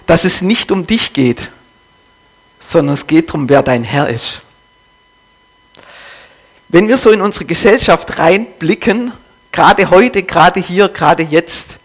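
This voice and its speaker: A man preaching a sermon, putting rhetorical questions to the congregation. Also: sits high.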